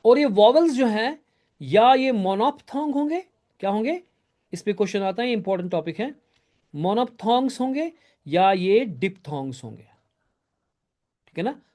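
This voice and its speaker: A man's voice: high voice, lively intonation, normal speed, pauses often, mellow. A male teacher lecturing a live class, explaining step by step, often checking that students follow, and praising their answers. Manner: addresses students by name and answers their typed questions.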